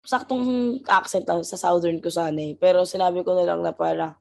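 A woman with a Filipino accent tells stories casually on a podcast she co-hosts. She voices the people she quotes in English and drops swear words now and then, and her voice sits a little low. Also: little pitch movement, fast, creaky, mellow. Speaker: podcast co-host. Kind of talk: casual chat, storytelling.

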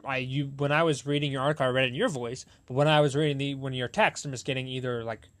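A man's voice: medium pitch, fairly even intonation, quick pace, fairly bright tone. A young man hosting a podcast in casual chat, rambling and correcting himself as he talks. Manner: rambling, self-correcting, laughs often. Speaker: podcast host.

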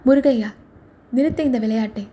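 A woman reading the part of a proud, short-tempered male royal charioteer in a storybook, with a gruff, scolding manner. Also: on the high side, steady tone, moderate pace, mellow. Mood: angry.

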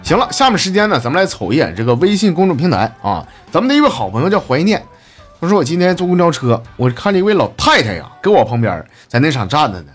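A man's voice: a little high, quick pace, breathy edge, soft background music. A young man with a Northeastern Mandarin accent, hosting a comedy show and telling funny stories and listener messages in a chatty, joking way. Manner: joking, chatty, animated storytelling with dialect slang. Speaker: radio comedy host reading listener messages. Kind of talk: comic storytelling.

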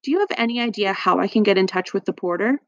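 A woman voicing a kindly, fretful dinner lady with a high, gushing manner. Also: fast talker, no room sound, lightly acted. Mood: gentle. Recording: dry, slightly muffled.

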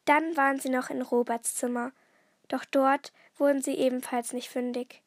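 A woman reading a children's detective story aloud in a lively, expressive way. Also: high-pitched, moderate pace, no room sound, studio quality.

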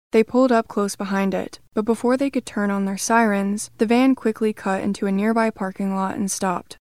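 A woman delivering scripted true crime narration in an even, measured way. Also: medium pitch, no echo, studio quality.

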